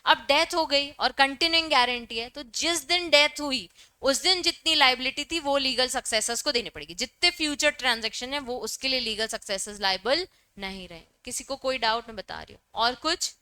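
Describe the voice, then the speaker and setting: Bright, high-voiced woman teaching law. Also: moderate pace, clear, resonant tone. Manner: explains with everyday examples, mixes Hindi and English. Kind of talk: classroom law lecture. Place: classroom.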